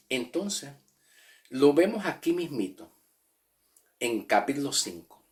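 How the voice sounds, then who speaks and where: A man teaching a Bible lesson in Spanish, explaining Greek words slowly, repeating himself and checking in with "ok?". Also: medium pitch, very animated, sharp tone.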